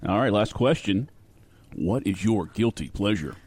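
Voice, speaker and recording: A man reading out interview questions in a brisk, plain way. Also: lowish voice, expressive, darkish tone, a little hiss or hum. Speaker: question asker.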